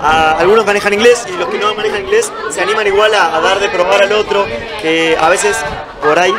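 A man's voice: high-pitched, fairly even intonation, brisk. A young man with an Argentine accent, explaining his stand to an interviewer at length, a bit rambling. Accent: Argentine Spanish. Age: young adult. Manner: chatty, rambling explanations with fillers. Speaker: interviewee, stand team member. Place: crowded exhibition tent. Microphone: handheld mic held by interviewer. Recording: crowded tent chatter behind.

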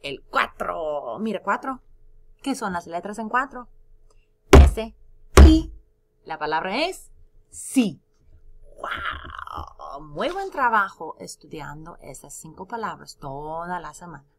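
A woman's voice: fairly low pitch, sing-song, takes it slowly, fairly bright tone. A woman teaching a recorded lesson, spelling words out letter by letter, stretching syllables and praising her students between prompts.

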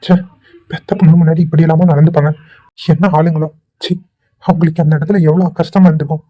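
This is lightly acted Tweencraft voice work on dull-sounding audio, with a medium pitch and flat delivery. The character, a kind and worried young man, pleads in a rush, anxious and concerned.

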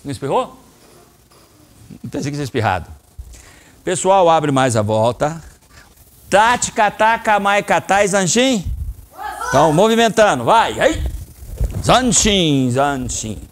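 Teaching kids karate in a training hall, a middle-aged man with a Brazilian Portuguese accent coaches energetically, giving commands and explaining techniques. His fairly high voice is unhurried with long pauses, and there's slight background noise.

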